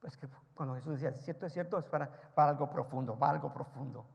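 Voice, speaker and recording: A male pastor preaching a sermon, firing rhetorical questions at the congregation and swinging between loud, emphatic rises and soft, low asides. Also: very fast, gravelly. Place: church sanctuary. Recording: long church-hall reverb.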